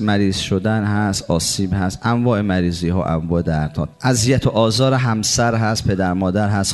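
A man giving a religious sermon, reciting quotations slowly and explaining them with rhetorical questions and long lists. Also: fairly low pitch, darkish tone. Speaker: preacher.

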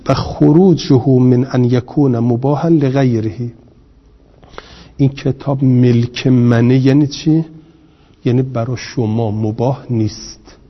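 Husky male teacher, lo-fi echoey recording. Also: medium pitch. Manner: explains slowly, repeating words and spelling out vowels. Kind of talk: lecturing on Arabic grammar. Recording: lo-fi recording in a long-reverb room.

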